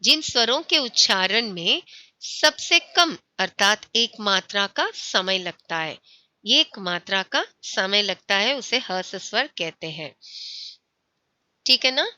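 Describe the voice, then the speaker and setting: A woman teaching a school Hindi lesson, saying words slowly, repeating them and often checking that her students follow. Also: medium pitch, expressive, pushed and bright, no echo, lo-fi sound.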